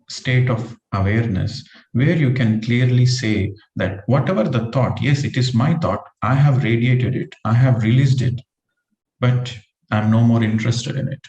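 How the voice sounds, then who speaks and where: A man's voice: medium pitch, darkish tone, reverberant, lo-fi sound. A man giving a spiritual meditation teaching talk, patiently explaining with everyday examples.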